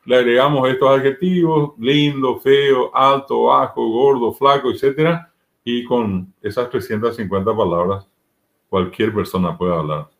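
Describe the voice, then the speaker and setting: A man's voice: medium pitch, fairly even intonation, unhurried, vocal fry. Paraguayan man patiently teaching Guarani. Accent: Paraguayan Spanish. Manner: patient, explains step by step with spoken examples. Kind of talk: explanatory interview talk.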